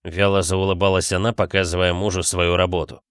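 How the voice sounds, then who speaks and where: Low-voiced male audiobook narrator. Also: little pitch movement, fairly quick, clear, resonant tone, dry recording, clean studio sound.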